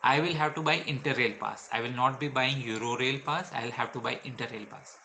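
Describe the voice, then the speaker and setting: Bright-voiced Indian man explaining rail travel. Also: mid-range voice, brisk, creaky, a little hiss or hum, low-quality recording. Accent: Indian English. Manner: explains step by step with frequent uh fillers. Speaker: travel vlogger.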